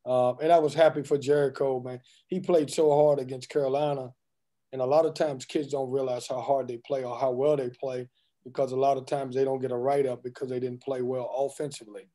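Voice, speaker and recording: A man's voice: medium pitch, little pitch movement, fairly quick, mellow. A man in his forties, a head basketball coach, answering reporters' questions at a postgame press conference over a video call, candid and joking. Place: indoors in front of a team backdrop. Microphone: video call webcam.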